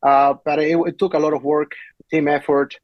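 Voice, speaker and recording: A man, giving a webinar presentation as a city planner in a halting way with many restarts. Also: a little high, level tone, dry recording. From Peru. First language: Spanish. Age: 40s. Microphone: video call. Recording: dull lo-fi webinar audio.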